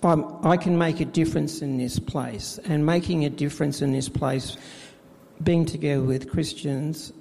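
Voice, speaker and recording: A middle-aged man tells his story of faith in a halting way, with many fillers and restarts, recorded in a church with a long reverb. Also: a little high, fairly even intonation, vocal fry, darkish tone, slight background noise. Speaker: church volunteer administrator. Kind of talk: personal faith testimony in interview.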